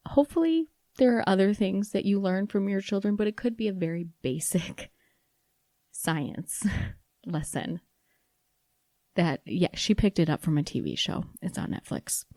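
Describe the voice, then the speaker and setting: A woman's voice: fairly low pitch, dark tone, no room sound, studio quality. A woman in her thirties hosting a podcast, talking casually and self-deprecatingly to other mothers. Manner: chatty, self-deprecating, with restarts. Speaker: podcast host. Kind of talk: casual solo podcast talk.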